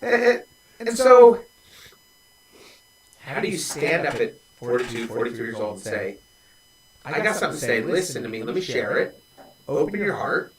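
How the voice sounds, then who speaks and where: A man's voice: mid-range voice, very animated, normal speed, pauses often, roomy sound. A man in his forties speaking bluntly and earnestly in casual conversation. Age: 40s. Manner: earnest, blunt confessional talk. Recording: voice from a distance off mic.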